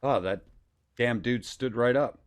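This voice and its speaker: A man's voice: mid-range voice, unhurried. A man streaming a role-playing game, casually thinking aloud and reading out game text as he plays.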